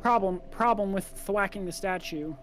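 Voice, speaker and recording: A man's voice: high-pitched, normal speed. Crude-talking man gaming, music behind. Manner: crude, profane joking. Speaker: gamer playing co-op horror game. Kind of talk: casual gaming chat. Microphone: desk microphone close by, headset worn.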